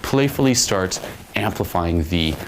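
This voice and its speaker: A man's voice: low voice, lively intonation, measured pace, a little hiss or hum. A man giving a casual, blunt dating lesson, swearing freely as he explains. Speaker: dating coach. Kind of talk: instructional monologue.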